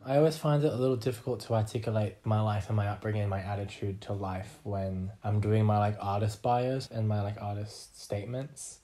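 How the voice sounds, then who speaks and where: The interviewee is a young male artist with an Australian accent, chatting informally, self-deprecating and prone to acting out dialogue. His voice sits on the low side with a dark tone, fairly even intonation, and a slightly fast pace with hardly any pauses.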